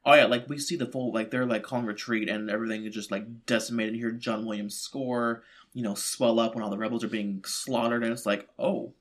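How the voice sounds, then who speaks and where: A man's voice: medium pitch, steady tone, brisk. A man co-hosting a podcast who rambles in casual chat, full of "like" and "you know". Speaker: podcast co-host.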